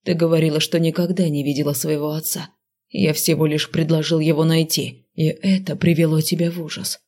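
A woman voicing a calm, brooding adult male dark mage teacher in an audiobook, speaking quiet and reproachful. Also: deep voice, fairly quick. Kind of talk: audiobook character voice.

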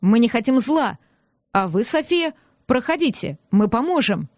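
A woman's voice: a little high, big pitch swings, measured pace, a little mellow, no echo, studio quality. A woman voicing a stubborn middle-aged male mayor who turns people away in a stern, grumbling way. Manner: grumbling, dismissive.

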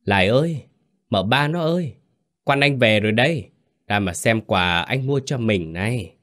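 A man's voice: on the low side, expressive, unhurried, fairly bright tone. A man voicing a tipsy, wealthy older village elder who calls out boisterously in a horror story. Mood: jolly tipsy. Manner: boisterous calling, then alarmed.

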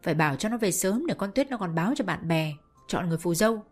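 A woman voicing a commanding middle-aged senior wife in a spoken story, giving brisk orders to the household. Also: lowish voice, expressive, faint music behind. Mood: urgent.

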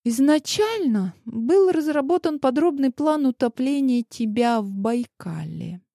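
A woman's voice: high-pitched, animated, unhurried, gravelly, dark tone, no room sound, clean studio sound, pitched above the performer's own voice, heavily acted. A woman narrator voicing a hurt wife who keeps a cool, strict tone. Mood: wry. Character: stern, hurt wife holding back tears. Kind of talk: audiobook character voice.

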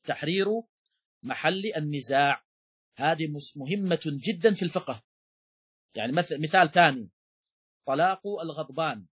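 Husky-voiced man teaching a religious lesson. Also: fairly high pitch, fairly bright tone. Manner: measured, repeats key terms, restarts with fillers. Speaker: sheikh teaching Shafi'i jurisprudence. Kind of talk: religious lesson, explanatory lecture.

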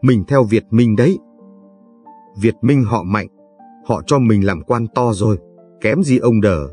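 A man's voice: fairly low pitch, measured pace, dark tone, faint music behind, natural voice. A man doing a crude, bragging mountain warlord. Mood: boastful. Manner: blustering, coarse, bragging.

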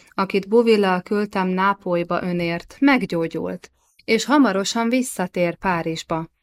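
A woman's voice: medium pitch, natural voice. Storybook figure: a testy medieval king, played by a female reader, defensive and barking orders. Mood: pleased. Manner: irritable, defensive, commanding. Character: angry guilty young medieval French king.

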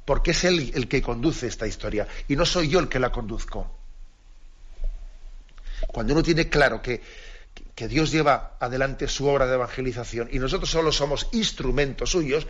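A priest giving an earnest radio catechism talk, repeating key phrases for emphasis. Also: male voice, mid-range voice, normal speed, fairly bright tone. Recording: dull lo-fi radio broadcast.

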